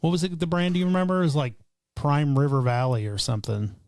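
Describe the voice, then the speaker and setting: A man's voice: on the high side, steady tone, quick pace, a little mellow, no echo, studio quality. A man co-hosting a podcast, chatting in an easygoing, rambling way that trails off and restarts. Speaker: podcast co-host. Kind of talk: casual chat.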